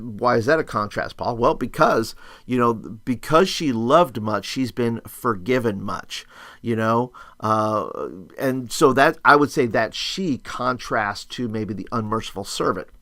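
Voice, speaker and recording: A man's voice: mid-range voice, fairly bright tone, dry recording. A man talking like an upbeat youth pastor, teaching casually as he thinks aloud, asking and answering his own questions. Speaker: youth ministry teacher and video host. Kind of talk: casual instructional screencast talk.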